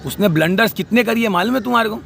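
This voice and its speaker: A man's voice: sits high, racing, vocal fry, fairly bright tone, some chatter behind, a little hiss or hum. A man delivering a heated, scolding rant about a family dispute, outdoors by a street. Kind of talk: angry spoken rant.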